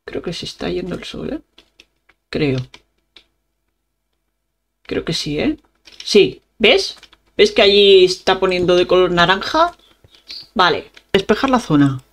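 A woman's voice: lowish voice, sing-song, measured pace, long pauses, slight background noise. A young woman hosting a gaming channel, chatting casually to her viewers as she plays and humming little sound effects. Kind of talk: casual gameplay commentary.

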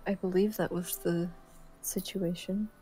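A laid-back woman player in a casual tabletop session, speaking unhurriedly. Her tone is mellow and soft-edged, and she breaks into laughter often. Faint music plays behind her. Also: lowish voice, fairly even intonation, a little slow, rough recording. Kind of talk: casual tabletop game chat.

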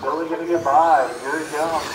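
A man announcing a remote-control car race, calling laps, gaps and positions in brisk play-by-play. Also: a little high, little pitch movement, background noise. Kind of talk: live race commentary. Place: indoor RC raceway. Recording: echoey indoor track with loud cars.

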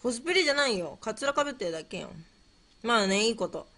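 A woman's voice: on the high side, animated, quick pace, sharp tone. A woman hosting a casual livestream, playfully fumbling through quiz questions and chatting with viewers, musing aloud and repeating herself. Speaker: livestream host.

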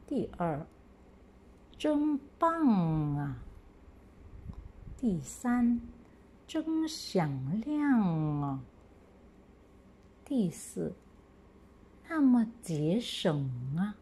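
A woman teacher from Malaysia, reading example words slowly and clearly for pupils to repeat. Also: medium pitch, big pitch swings, dark tone. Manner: slow, drawn-out model reading for pupils to repeat. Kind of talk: slow classroom pinyin lesson.

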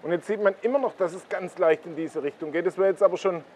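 A man's voice: sits high, fast, darkish tone, slightly rough. A man hosts a koi blog, explaining things casually at a pond and pointing them out to the viewer.

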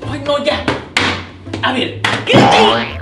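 A silly clown with the whiny, exclaiming manner of a greedy child. The voice sits very high in a roomy house, with loud music over it, as in a slapstick kids' show. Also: male voice, wildly swooping pitch, slow pace, full character voice. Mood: whining, hurt, then fussing. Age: young adult. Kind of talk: slapstick children's sketch comedy. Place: tiled living room and kitchen at home.

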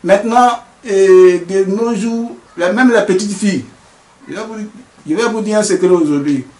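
A man's voice: sits high, moderate pace, a little mellow. Earnest man, echoey room. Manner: explains earnestly with many restarts. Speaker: traditional healer. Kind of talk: interview answers.

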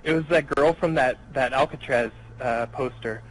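A man's voice: medium pitch, normal speed. A man reacting as a scared horror game streamer, stammering and exclaiming in casual chat over a noisy game voice chat. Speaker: gamer in an online co-op game.

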